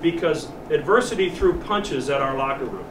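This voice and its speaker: An American man, a college team coach, giving an earnest, deliberate pep speech to his players in the locker room, pausing for emphasis. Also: fairly high pitch, expressive. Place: locker room, heard from a distance. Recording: echoey distant room recording with loud noise.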